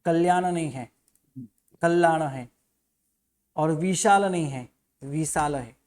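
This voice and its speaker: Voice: mid-range voice, takes it slowly, darkish tone. A religious studies teacher giving a recitation lesson at home, patiently correcting pronunciation syllable by syllable and sometimes chanting the verses in a melody. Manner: patient, repeats each syllable until it is right.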